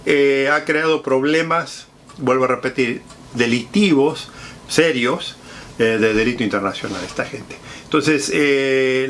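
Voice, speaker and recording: A man of middle pitch hosts a solo commentary, addressing his viewers formally. His delivery halts often on fillers and restarts, with repeated phrases. A faint hiss sits under the voice. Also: fairly bright tone. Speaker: host.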